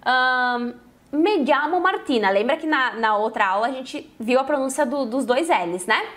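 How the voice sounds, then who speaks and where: A woman teaching Spanish. She spells out phrases slowly and checks in with her students after each one. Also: fairly high pitch, fairly bright tone. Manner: slow, careful modeling of Spanish phrases with frequent checks like "tá?". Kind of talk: online language lesson.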